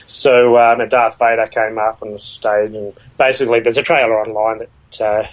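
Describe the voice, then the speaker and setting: A man chatting casually as a podcast co-host, speaking in a hesitant, halting way with many fillers. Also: fairly low pitch, level tone, low-quality recording. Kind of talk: casual chat about films.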